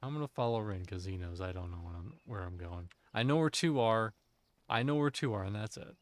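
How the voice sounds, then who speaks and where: A man's voice: lowish voice, lively intonation, brisk. A man streaming an online game with friends, chatting casually in a playful, jokey, self-teasing way into a desk microphone. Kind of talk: casual gaming chat.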